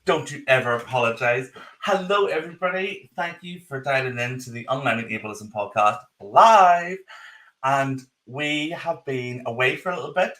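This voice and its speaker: A man's voice: medium pitch, lively intonation, moderate pace, sharp tone. A man with a strong Northern Irish accent, hosting a live podcast in a casual, chatty style. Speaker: podcast host. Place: office. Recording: roomy echo on the voice.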